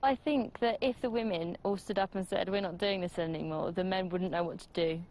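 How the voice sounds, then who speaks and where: A woman's voice: fairly low pitch, brisk, a little mellow. A young woman from England talking frankly on a reality show, often exasperated and self-conscious. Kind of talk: confessional and reactive chat. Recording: noisy field recording.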